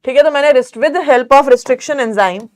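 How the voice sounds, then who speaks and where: A young woman runs a live online biology lesson, slipping English terms into her Hindi. Her voice sits a little high and comes through smooth and clear. She talks slowly and keeps checking whether the class is following. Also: a little mellow. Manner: calls students "beta", quizzes them, asks if it's clear.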